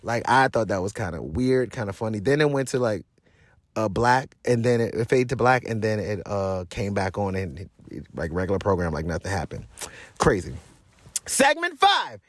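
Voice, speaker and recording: A man's voice: lowish voice, sing-song, normal speed, no room sound. A man hosting a wrestling review show, ranting bluntly and swearing freely in casual, slangy talk with rambling asides. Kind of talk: casual profane rant.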